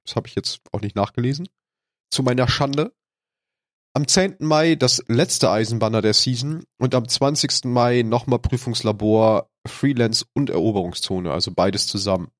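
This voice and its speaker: A man hosts a casual podcast while full of cold. His voice is snotty, blocked and nasal, at a medium pitch. The recording is dry and close. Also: no echo. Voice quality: congested, stuffy nasal voice from a cold. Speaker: podcast host.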